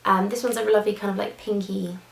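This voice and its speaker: A woman's voice: mid-range voice, little pitch movement, fast, vocal fry. A young woman chatting casually through a beauty product review, gushing, with lots of fillers and restarts. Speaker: beauty vlogger. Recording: echoey room.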